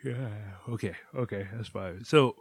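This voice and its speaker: With a mid-range voice that's creaky and a bit rough, a man speaks at a measured pace on his solo podcast, his nose blocked by a cold. At home late at night, he rambles in loose, casual talk full of ums and playful sound effects, with no echo.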